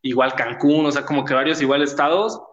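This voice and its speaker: Fast-talking Mexico City man hosting a podcast. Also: a little high, fairly even intonation, fairly bright tone, dull audio. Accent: Mexico City Spanish. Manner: fast, slangy and laughing often. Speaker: podcast host. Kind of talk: casual podcast chat.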